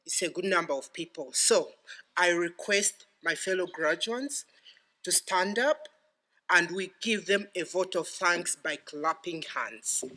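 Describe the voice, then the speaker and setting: Bright-voiced Ugandan man giving a podium speech. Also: sits high. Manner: ceremonial, deliberate phrasing. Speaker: graduating PhD student giving vote of thanks.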